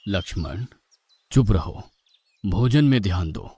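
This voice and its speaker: Man voicing Rama, a calm, composed god. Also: deep voice, takes it slowly, slightly rough, exaggerated voice. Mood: calm, instructing. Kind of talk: animated devotional story acting.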